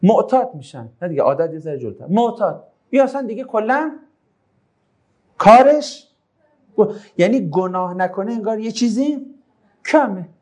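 A man teaching a Quranic lesson to a class, reciting Arabic verses and explaining them, his delivery swinging between quiet asides and raised exclamations. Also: high-pitched, very animated, pauses often. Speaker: religious teacher.

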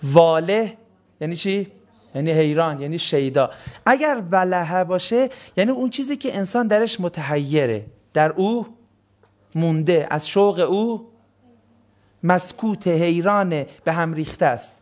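Male teacher with a high voice, lecturing the class in a Q&A way. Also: animated. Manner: asks the class questions and answers them himself. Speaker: religious studies teacher. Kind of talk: classroom lecture on Quranic words.

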